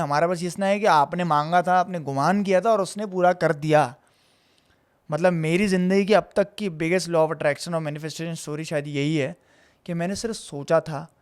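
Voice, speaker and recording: Male host, lively casual storyteller, voice a little high. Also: clear, resonant tone. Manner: animated, mixes Urdu with English phrases. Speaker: host and theatre actor.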